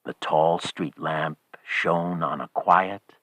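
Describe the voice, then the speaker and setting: A male narrator reading a horror audiobook with a very deep, low voice. He takes his time, grave and measured, in a dry, close sound. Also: fairly even intonation, fairly bright tone, no echo.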